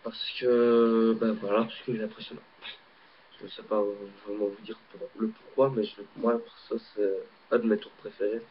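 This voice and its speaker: This fairly low-pitched man keeps a steady tone at normal speed while showing a card trick as an amateur magician. He has a Belgian French accent and speaks casually, haltingly, and with many fillers, recorded via laptop webcam mic in dull lo-fi audio with faint hiss.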